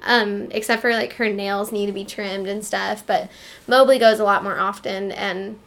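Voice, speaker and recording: A woman's voice: medium pitch, fairly even intonation, normal speed, a bit bright. A young woman chatting casually as co-host, talkative and laughing often. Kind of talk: casual chat.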